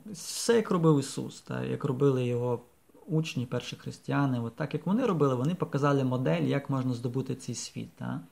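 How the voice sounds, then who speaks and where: Gravelly-voiced priest musing hesitantly. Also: male voice, medium pitch, warm tone. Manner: hesitant, many fillers and restarts; reflective, explaining by examples. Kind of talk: informal podcast talk.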